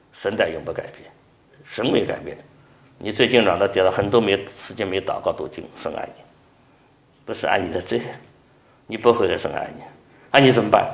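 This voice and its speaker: A male pastor preaching a revival sermon, swinging from loud emphatic peaks down to soft, hushed asides. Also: deep voice, vocal fry, roomy sound. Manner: animated preaching, rising loud then dropping to soft near-whispers.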